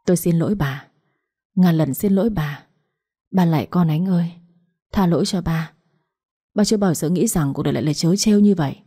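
A woman's voice: fairly low pitch, fairly quick, pauses often, warm tone, breathy edge. A woman voicing a guilt-ridden older father who pleads in anguish, read in a story. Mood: pleading.

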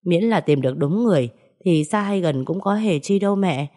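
A woman voicing a grown son who talks to his mother in a gentle, respectful way. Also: on the low side, animated, fairly quick.

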